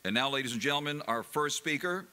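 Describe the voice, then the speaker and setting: A man emceeing an event, reading formal introductions in a measured, scripted way. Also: mid-range voice, expressive, sharp tone, a little hiss or hum. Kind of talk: scripted announcing.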